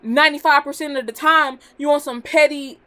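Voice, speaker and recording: A woman's voice: high voice, fairly even intonation, a little fast, pushed and bright. A woman in her twenties giving a blunt, sassy casual review of a reality show, full of slang. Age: 20s.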